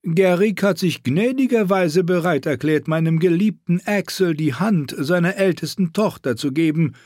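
A man's voice: high voice, animated, moderate pace, darkish tone, dry recording, studio quality, voice pushed up. A man voicing a cold, haughty middle-aged queen who speaks in a prim, disdainful way.

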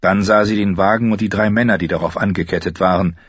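Male audiobook narrator, fantasy novel, husky low voice, steady telling, dull dry lo-fi recording. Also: quick pace, no room sound. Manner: steady storytelling, raises his voice high for the characters' lines.

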